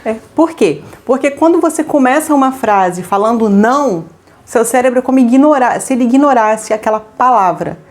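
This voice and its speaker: A woman co-hosting a family advice talk, lively, acting out examples of what parents say. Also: on the high side, normal speed. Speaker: co-host giving family advice. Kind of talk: casual talk to viewers.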